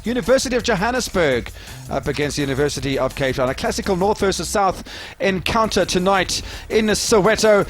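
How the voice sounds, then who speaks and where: A man giving excitable live play-by-play football commentary, raising his voice as attacks build. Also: high voice, brisk, hardly any pauses. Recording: loud crowd and music behind commentary. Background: loud crowd and music.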